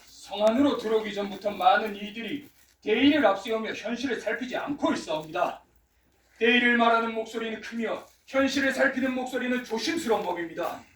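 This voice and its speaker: Distant echoing stage sound, pragmatic court minister, high voice, formal pleading oratory, period drama. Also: male voice, a little fast, a bit bright, slight background noise. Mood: earnest. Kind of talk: historical stage drama acting. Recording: echoey hall, distant microphone.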